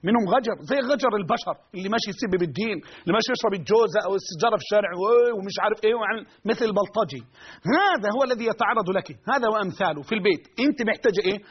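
A man's voice: high-pitched, lively intonation, very fast, breathy edge. A man with an Egyptian accent giving religious advice to callers, emphatic and repeating his key phrases, heard on a lo-fi radio broadcast. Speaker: religious preacher answering callers.

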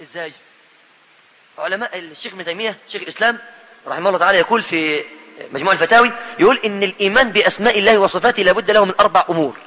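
A man's voice: high-pitched, racing, pushed and bright, big-room sound, rough recording. A man with an Egyptian Arabic accent preaching a teaching sermon, emphatic, repeating key points and quizzing his listeners.

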